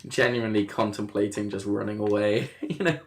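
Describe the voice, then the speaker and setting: A man's voice: lowish voice, brisk. A man in his twenties, a podcast host, chatting casually and laughing often as he tells stories. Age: 20s. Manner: laughs often, animated storytelling. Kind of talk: casual chat.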